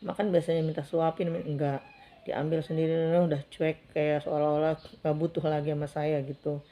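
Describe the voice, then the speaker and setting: Low, mellow-voiced woman telling a story. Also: level tone, normal speed. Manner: chatty and heartfelt, acts out quoted speech. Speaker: storyteller recounting her own marriage. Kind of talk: casual personal storytelling.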